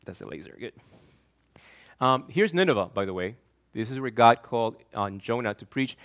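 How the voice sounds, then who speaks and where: A man's voice: mid-range voice, animated, normal speed, a bit bright. A man from Argentina, a pastor preaching an earnest, emphatic sermon that often repeats and restarts words.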